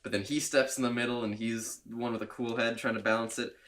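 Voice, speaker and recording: A man's voice: mid-range voice, flat delivery, brisk, fairly bright tone. Rambling, enthusiastic young man. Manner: rambling, enthusiastic, laughs often. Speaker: podcast co-host. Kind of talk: casual movie podcast chat.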